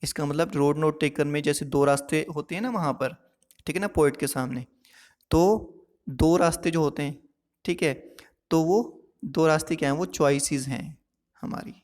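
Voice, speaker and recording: A man's voice: fairly high pitch, moderate pace, in a large hall. A male teacher, explaining a lesson step by step and often checking that the listener is following. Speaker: English teacher. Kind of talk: classroom lesson explaining poetic devices.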